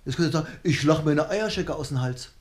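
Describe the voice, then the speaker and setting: Heavy background noise accompanies this clip of the middle-aged comedian and cabaret artist, who talks fast in a fairly high voice. He's doing a jokey monologue to camera from the echoey small rooms of his flat.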